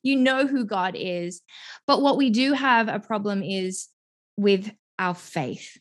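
A woman in her thirties with an Australian accent, from Melbourne, talking as a guest on a podcast in an effusive, animated way. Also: medium pitch, slow. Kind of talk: podcast interview conversation.

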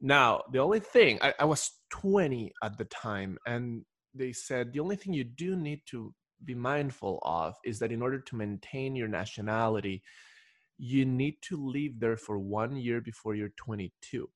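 An Ecuadorian man appears as a podcast guest, casually recounting stories in a rambling way with many restarts. His medium-pitched voice is animated and moderately paced, and the studio-quality audio has no room sound.

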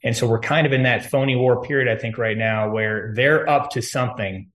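A man's voice: medium pitch, brisk, fairly bright tone. A man speaking as an interview guest, giving long-winded, urgent, unscripted warnings in a conspiratorial political vein. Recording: echoey room.

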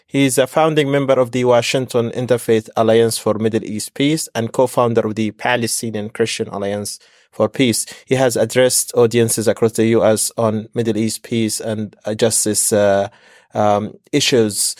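A man co-hosting a podcast, introducing guests in a measured way with frequent fillers. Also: fairly low pitch, steady tone, darkish tone, no echo, clean studio sound. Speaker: podcast co-host.

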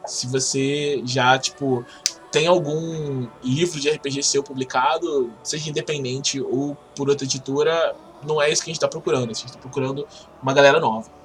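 A man with a Brazilian Portuguese accent talks casually as an interview guest, explaining things in a halting, informal way. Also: mid-range voice, fairly even intonation, soft background music. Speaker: podcast guest, game project organizer.

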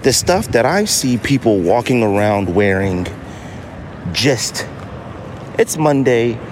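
In a slow, expressive, medium-pitched voice, an American man hosts a podcast alone, keeping it casual and repeating phrases to stress his points. The recording carries noisy outdoor city street ambience with traffic, street noise and banging.

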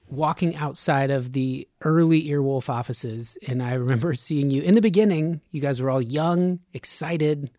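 A man's voice: fairly high pitch, mellow, no room sound. A man hosting a podcast in a studio, talking in a casual, rambling way and laughing often. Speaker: podcast host.

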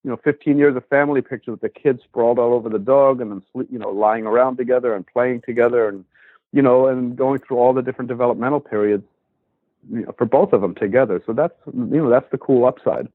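A man's voice: mid-range voice, fairly even intonation, quick pace, husky, no echo. A man who trains dogs, talking casually on a podcast, rambling with many fillers. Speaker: dog trainer and podcast host. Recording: tinny phone line.

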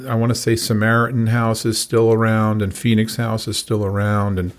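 An older man in his sixties, speaking as a guest on a recovery talk show. His voice sits low, and he talks in a halting way, full of fillers and false starts. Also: monotone. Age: 60s. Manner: halting, many fillers and restarts. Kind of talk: casual conversation.

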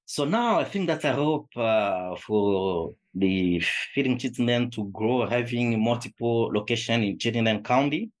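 This Congolese food shelf supervisor, middle-aged and not a native English speaker, speaks in a medium-pitched voice with lively intonation. He talks a little slowly with few pauses, yet his interview answers are full of hesitations and restarts.

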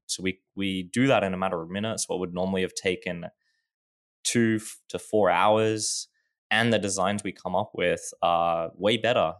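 Young founder guy on a podcast, really low voice with some fry, lots of restarts and "like". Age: 20s. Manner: explains with many restarts and fillers like "like". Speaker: startup founder guest. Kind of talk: casual podcast interview.

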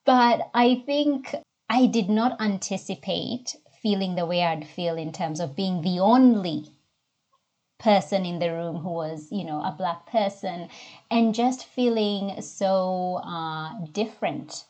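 A middle-aged woman from Kenya with a softened Kenyan accent, giving measured, reflective interview answers about her own life and work. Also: mid-range voice. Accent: Kenyan, softened by years in Australia. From Nairobi, Kenya. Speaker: interview guest, diversity and inclusion coach. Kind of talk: conversational interview answers, personal story.

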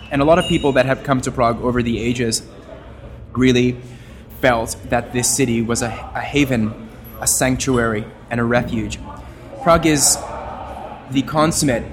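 Wordy, expressive man talking shop. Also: mid-range voice. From Canada. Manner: expressive, wordy, plays with his voice. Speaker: guest, journalist and podcaster. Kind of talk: casual interview talk.

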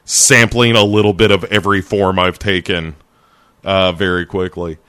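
Deep-voiced joking podcast host. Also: male voice, flat delivery, moderate pace, pushed and bright, clean tone, no echo. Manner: rambling, joking, many fillers. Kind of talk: casual chat.

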